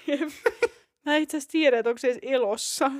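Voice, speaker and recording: A woman's voice: sits high, no echo, studio quality. A woman co-hosting a casual comedic podcast, chatty and playful. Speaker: podcast co-host.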